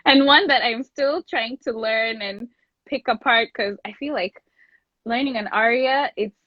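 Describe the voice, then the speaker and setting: A young Kenyan woman whose native language is Luo chats casually and enthusiastically as an interview guest; she is a classical singer and voice teacher. Her voice is fairly high and unhurried. The sound is dull, lo-fi, close, and dry with no echo.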